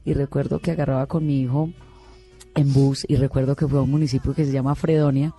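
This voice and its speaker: A woman's voice: a bass voice, flat delivery, fast, dark tone, husky, soft background music. A middle-aged woman, a singer, telling personal stories earnestly in an interview. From Colombia. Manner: earnest, emotional storytelling with many restarts. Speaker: guest singer.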